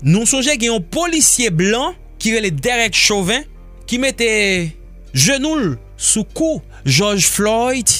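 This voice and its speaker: Emphatic man with lively pitch. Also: slow, faint music behind. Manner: emphatic, mixing Haitian Creole and French. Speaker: radio show host. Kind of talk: impassioned news commentary.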